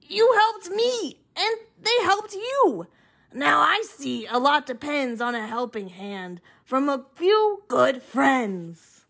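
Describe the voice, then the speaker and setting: A woman's voice: high-pitched, lively intonation, slow, creaky, a bit bright, heavily acted. A woman voicing a big, self-important male dump truck in a read-aloud picture book, talking in a bossy, blustering way. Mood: grateful.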